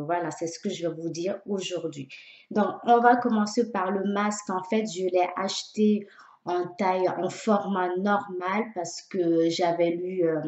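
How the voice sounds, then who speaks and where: A woman talking casually to her viewers in a product review vlog, hesitant with many pauses and fillers. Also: fairly low pitch, a little mellow. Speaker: beauty vlogger. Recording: echoey room, dull lo-fi sound.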